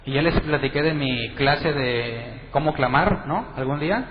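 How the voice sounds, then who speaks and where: A man's voice: a little high, a little slow, in a large hall, muffled recording, slight background noise. A man preaching a sermon to a congregation in a conversational way, asking them questions and acting out what others say. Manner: conversational, asks the congregation questions, acts out quotes. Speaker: pastor.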